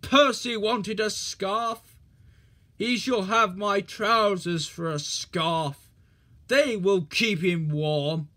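A reader voicing a stern, portly railway boss in a storybook, scolding loudly. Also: mid-range voice, extremely slow, full character voice. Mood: cross. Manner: loud, cross and scolding. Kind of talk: storybook reading.

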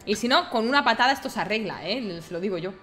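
A woman with an accent from Spain improvising casual role-play in an online game, blunt and quick to swear. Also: mid-range voice, lively intonation, a bit bright, faint music behind.

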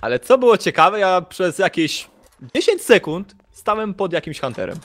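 A man gaming with friends, reacting loudly and excitedly to every twist. His pitch jumps around a lot as he exclaims and protests. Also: normal speed. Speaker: gaming guest. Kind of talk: casual gaming chat.

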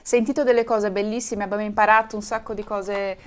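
A woman's voice: mid-range voice, level tone, brisk. A woman, hosting a conversational interview in a room at home. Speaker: TV interviewer, host. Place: small furnished room at home, indoors.

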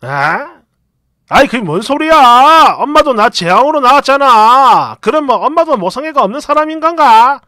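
A woman voicing a young husband who talks bluntly and shouts in exasperation. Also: high-pitched, sing-song, normal speed, no room sound, clean studio sound, heavily acted.

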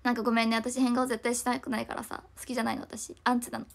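A young woman, chatting fast and casually on a livestream, reading viewer comments and often apologizing. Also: fairly high pitch, flat delivery, vocal fry.

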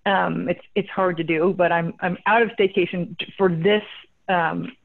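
A woman's voice: lowish voice, steady tone, measured pace, creaky. A woman hosting a casual live webinar over a video call, bubbly and chatty, with frequent laughs and fillers. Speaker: host and company CEO. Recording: tinny phone-like line.

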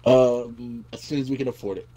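A man's voice: medium pitch, steady tone, moderate pace, dark tone, slight background noise. A man playing a farming game with a friend, giving dry, brief answers. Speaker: gamer. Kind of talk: casual co-op gameplay chat.

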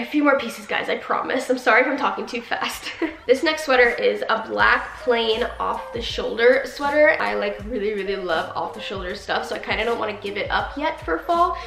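A woman's voice: on the high side, creaky, a bit bright. A young woman chatting casually and gushingly to camera as a fashion vlogger, recorded in an echoey empty apartment room. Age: young adult. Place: small unfurnished carpeted room, indoors.

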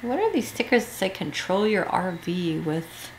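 A woman co-hosting a camper tour, chiming in with brief remarks and quick laughs. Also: lowish voice, expressive, slight background noise. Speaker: co-host. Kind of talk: casual chat. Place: inside a camper at an RV show.

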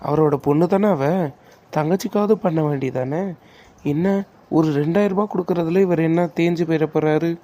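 A man's voice: fairly high pitch, fairly quick, warm tone, close to an everyday voice. A man voicing a young older brother who teases and comforts his crying sister. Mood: resentful. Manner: teasing, reassuring. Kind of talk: cartoon voice acting.

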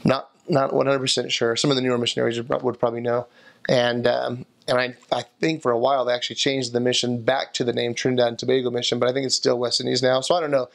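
Gravelly, flat-voiced man recalling memories. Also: medium pitch, fast talker. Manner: rambling, many restarts and fillers. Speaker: returned missionary interviewee. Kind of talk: reminiscing interview answer. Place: indoor room by a window, seated in armchair.

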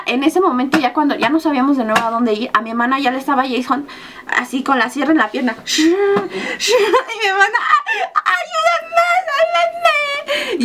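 A young Mexican woman vlogger telling a story in a casual, animated way, acting out her own screams and the lines of the people in it. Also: high voice, background noise.

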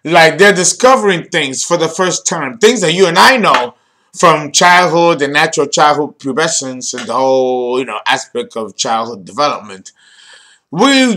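High, bright-voiced theatrical male lecturer. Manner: playful and theatrical, with jokey asides and laughter. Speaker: astrology teacher and channel host. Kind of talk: animated video lecture.

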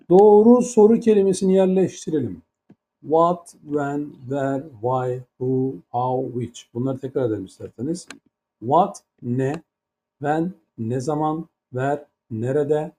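A man with a mellow, mid-range voice teaches an English grammar lesson in Turkish, speaking English with a Turkish accent. He explains patiently, step by step, and poses many rhetorical questions.

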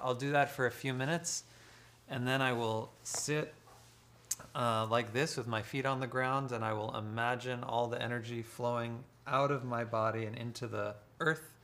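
A man speaking as a guest author, talking slowly and deliberately in a live social-media conversation. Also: medium pitch, fairly bright tone. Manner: slow, deliberate and measured.

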